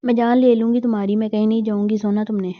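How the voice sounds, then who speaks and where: A woman's voice: mid-range voice, little pitch movement, fairly quick, dry recording, dull audio, natural voice. Woman doing a screaming defiant young captive. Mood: furious. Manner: screaming, furious threats.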